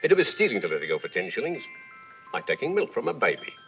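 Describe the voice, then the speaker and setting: An actor playing a chatty, hustling auctioneer, in theatrical, repetitive sales patter from 1940s film acting. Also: male voice, mid-range voice, wildly swooping pitch, fast talker, creaky. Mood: coaxing, hustling. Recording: muffled 1940s film soundtrack, music behind.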